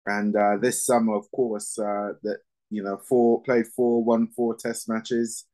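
A man in his fifties who grew up in Barbados, a former cricketer and coach answering interview questions in a measured way with lots of ums. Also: fairly low pitch, monotone, mellow, rough recording. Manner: measured, with frequent fillers.

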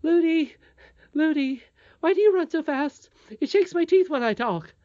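A woman's voice: high-pitched, animated, moderate pace, warm tone, dry recording, dull audio, voice pushed up. A woman voicing a curious, fearless little princess in a storybook, chattering insistently.

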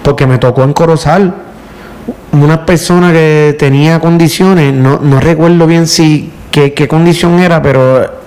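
A middle-aged man with a Puerto Rican accent, a power utility worker recounting a hard experience in an emotional, halting, repetitive way. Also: on the high side, fairly even intonation, darkish tone. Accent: Puerto Rican Spanish. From Puerto Rico. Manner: emotional storyteller, repeats words, tearful at times. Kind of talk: emotional casual conversation.

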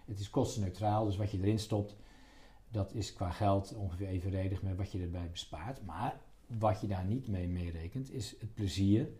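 A man's voice: low voice, normal speed, mellow. A middle-aged man explaining things casually in conversation, often restarting phrases and repeating words. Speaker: interview guest, doctor.

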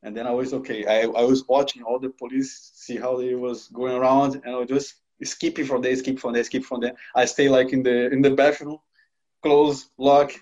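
A man recounts a personal misadventure in a casual, loose way, jumping into other people's lines with quick changes of tone. His English has non-native phrasing and frequent restarts. His voice is mid-pitched, and the recording sounds dull and lo-fi. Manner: animated, acts out dialogue with quick shifts in tone. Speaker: storyteller recounting a personal trip. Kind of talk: casual spoken anecdote.

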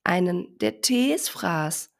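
Low, gravelly woman reading a children's story. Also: lively intonation, takes it slowly. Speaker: podcast reader.

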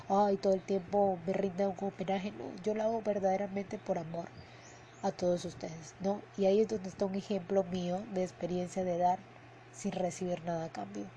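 A woman's voice: on the low side, mellow, a little hiss or hum, poor audio. A woman hosting a podcast as an emotional coach, talking in an earnest, heartfelt way, repeating words for emphasis and ending sentences with a questioning "no?". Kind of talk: casual spoken podcast monologue. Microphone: headphones and podcast mic.

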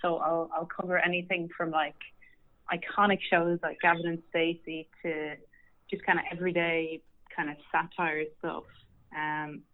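A young woman with a fairly low, level voice speaks at normal speed as a podcast guest and entertainment writer, chatting casually with lots of fillers and laughter. The audio is slightly dull and lo-fi.

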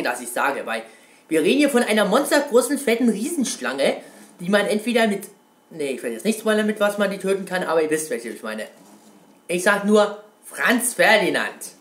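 A man hosting a casual gaming video, talking in a loose, rambling way and dropping casual swears. His voice sits fairly high and swings up and down a lot. The room around him gives back a clear echo. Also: fairly bright tone. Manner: rambling, keeps calling viewers "Kunstfreunde", swears casually. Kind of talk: casual video reply on a video game.

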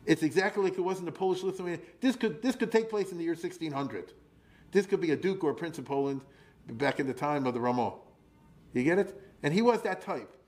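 A man's voice: fairly high pitch, animated, fairly quick, a little mellow. A man lecturing informally on history to listeners, in a colloquial, rambling way, often checking that they follow. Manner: acts out paraphrased quotes in plain colloquial speech.

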